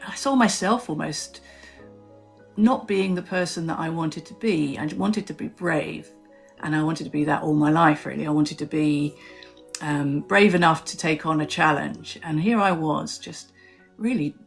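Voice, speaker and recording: A woman's voice: low voice, gravelly. A woman hosting a live stream, talking reflectively and telling a personal story with many fillers. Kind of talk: casual live-stream talk.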